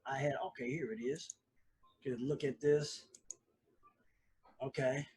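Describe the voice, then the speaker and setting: A man's voice: medium pitch, steady tone, a little slow, darkish tone. A man hosting a casual live stream from home, talking loosely with lots of fillers and restarts. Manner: loose, rambling, conversational with fillers. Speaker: host.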